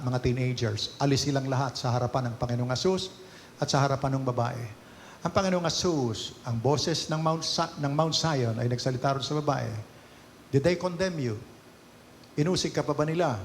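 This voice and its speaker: Preaching man in a reverberant hall. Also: medium pitch. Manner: preaching with sudden loud emphatic rises; mixes Filipino and English. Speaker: pastor. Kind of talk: sermon. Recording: long hall reverb, faint noise.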